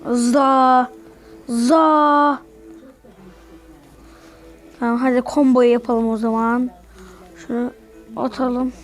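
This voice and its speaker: A woman giving live commentary over her own mobile game, excitable and yelling at her opponent. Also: on the high side, drawn-out words, long pauses, faint music behind.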